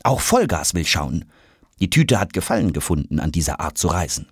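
A man narrating a children's audiobook in an expressive, dramatic way. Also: low-pitched, normal speed, husky, no echo, studio quality. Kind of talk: scripted storybook narration.

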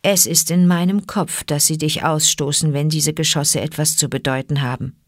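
A woman reading aloud, voicing a calm old male wolf in a matter-of-fact tone. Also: low-pitched, moderate pace, dry recording, studio quality.

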